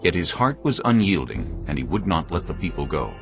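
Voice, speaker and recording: Reading scripture aloud, a man uses a deep, solemn, gravelly voice that rises and falls expressively at a fairly quick clip. The sound is slightly muffled, with music running steadily beneath him.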